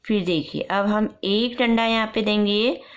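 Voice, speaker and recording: A woman teaching young children's letter sounds step by step for parents, repeating each sound slowly. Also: mid-range voice. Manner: slow, repetitive, drawn-out letter sounds. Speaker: nursery teacher.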